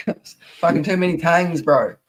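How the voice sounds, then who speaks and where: A man's voice: fairly high pitch, a little slow, poor audio. An Australian man in casual livestream banter, blunt and slangy, swearing often.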